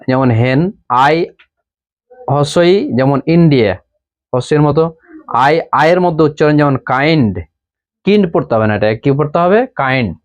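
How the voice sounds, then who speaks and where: A man with a Bengali accent teaches English pronunciation in a slow, patient way. He says each rule twice and follows it with examples. His voice sits a little high. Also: a little mellow, dull audio. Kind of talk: pronunciation lesson.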